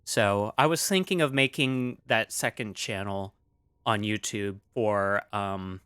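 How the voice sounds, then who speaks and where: A man's voice: on the low side, slow pace, a bit bright, clear, resonant tone, dry recording, studio quality. A man streaming casually, rambling with many fillers as he reads chat aloud, still coughing after an illness.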